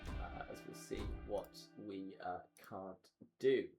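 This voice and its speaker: A man's voice: sits low, slow, vocal fry. A man doing fighting game play-by-play as a tournament commentator, casual and hesitant, often repeating himself mid-phrase. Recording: game music behind the voice. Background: game music.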